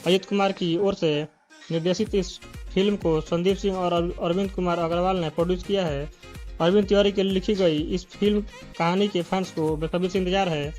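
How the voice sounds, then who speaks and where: A man with a high, light speaking voice delivers a scripted entertainment news voice-over. He reads steadily and evenly from a prepared text, and faint music plays softly underneath. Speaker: narrator.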